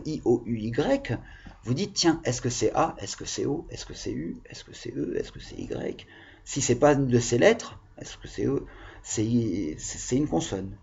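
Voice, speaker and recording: A man's voice: on the high side, dark tone, muffled recording. A man teaching the alphabet to young children in a classroom, patient and encouraging.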